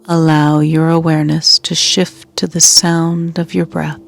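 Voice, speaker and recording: A woman with a low voice leads a guided yoga nidra meditation, her pitch moving little. Soothing and hushed, with breathy edges near a whisper and long pauses, she is accompanied by slight background noise.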